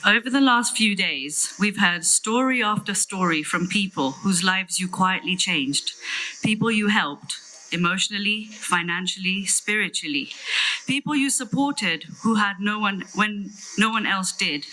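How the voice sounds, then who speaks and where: A middle-aged British woman reading a prepared farewell speech in a tender, solemn, measured way. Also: medium pitch, expressive, bright, forceful tone, a little hiss or hum, low-quality recording. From London, England. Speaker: sister giving a farewell eulogy.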